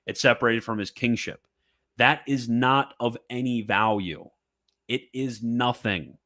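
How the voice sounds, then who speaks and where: Male commentator with a mid-pitched voice, fervent and repetitive, pressing each point hard and breaking into mocking asides. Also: unhurried, bright, forceful tone. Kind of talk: animated commentary reading and reacting to a papal text.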